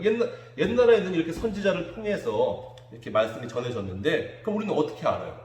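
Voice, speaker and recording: A man preaching a children's sermon as pastor, animated and acting out what children might say. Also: medium pitch, slight background noise. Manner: animated, acts out children's quotes. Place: church room. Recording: echoey church hall.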